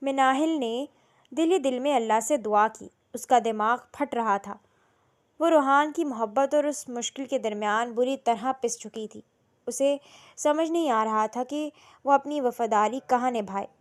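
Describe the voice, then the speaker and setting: A woman reading a romance novel aloud in slow, emotional storytelling narration. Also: on the high side.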